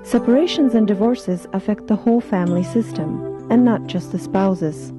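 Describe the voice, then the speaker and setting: A woman voices a scripted documentary narration. Her delivery is measured and even, at a middle pitch for a woman. Music plays clearly behind her.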